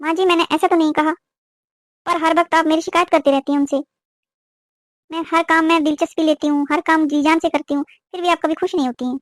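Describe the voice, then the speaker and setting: A woman's voice: high voice, fairly even intonation, brisk, no echo, studio quality, natural voice. A woman voicing a young newlywed daughter-in-law who answers politely but firmly in a cartoon. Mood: pleading. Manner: pleading, polite but firm. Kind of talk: cartoon voice acting.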